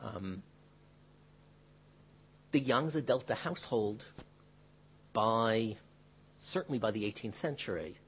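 A male history professor answering an audience question in a measured, qualifying way, often adding tag questions. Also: on the low side, lively intonation, slight background noise. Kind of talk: academic lecture Q&A. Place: lecture room. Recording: dull lo-fi lecture recording.

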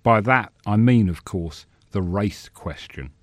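A man's voice: fairly low pitch, slow pace, no room sound, clean studio sound. A man doing a blustering bigoted halfling senator. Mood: orating. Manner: bombastic, declaiming filibuster speech.

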